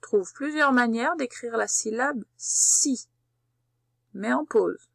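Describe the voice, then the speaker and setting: A woman with a fairly high voice leads a spelling dictation, speaking very slowly and patiently. Each letter is spelled out clearly for the listener. The sound is dry and close, with no room around it. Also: a bit bright, no room sound. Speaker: teacher. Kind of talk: slow spelling dictation lesson.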